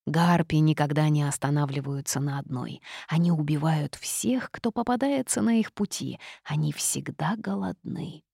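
A woman's voice: sits low, moderate pace, vocal fry, hardly any pauses, warm tone, slightly rough, no echo, clean studio sound, heavily acted. A woman voicing a stern male demon who lectures and threatens, in an audiobook. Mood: menacing. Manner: lecturing, droning.

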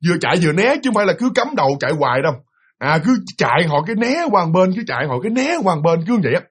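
Male ghost-story teller, slightly high voice with wide swings, husky. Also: rapid-fire. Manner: animated, acts out voices of people in the story.

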